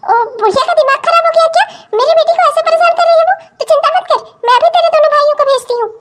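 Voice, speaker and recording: A woman voicing an older cartoon mother who rushes to defend her daughter. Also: extremely high pitch, a bit bright, voice pushed up. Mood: indignant. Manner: fussing, indignant, quick.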